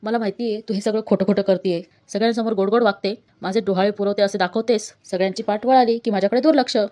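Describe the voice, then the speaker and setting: A woman doing an accusing young wife, loud, higher pitched, dark tone. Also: fast talker, lightly acted. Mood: angry.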